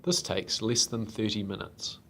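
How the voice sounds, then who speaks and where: A man giving calm, measured scripted narration for an educational documentary. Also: fairly low pitch, slight background noise.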